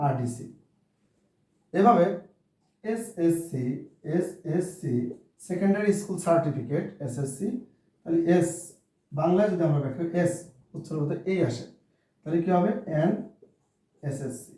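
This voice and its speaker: A man's voice: fairly high pitch, expressive, a little slow, pauses often, warm tone. A man teaching a beginners' English lesson, spelling words out letter by letter and posing questions that he answers himself. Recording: distant mic in a very echoey room.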